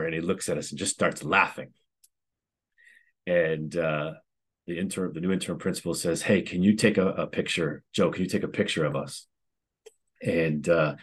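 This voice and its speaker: Low-voiced man telling a story. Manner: animated retelling with quoted voices, many restarts. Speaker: guest, former high school principal. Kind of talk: conversational storytelling.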